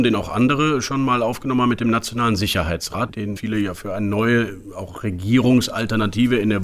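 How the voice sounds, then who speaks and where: A male interviewer posing probing, conversational questions to a politician. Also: on the low side.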